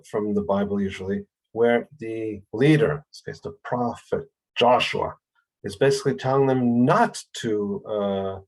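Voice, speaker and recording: A man lecturing on a Bible text, speaking thoughtfully with pauses and fillers. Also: mid-range voice, a little mellow, breathy edge, low-quality recording. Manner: lifts his voice to act out quoted speech. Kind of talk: explanatory lecture.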